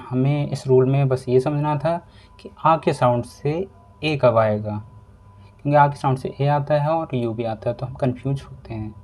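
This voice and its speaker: A man teaching a pronunciation lesson, explaining rules slowly and repeating each step. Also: mid-range voice, warm tone. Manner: slow, repetitive explaining. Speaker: English teacher.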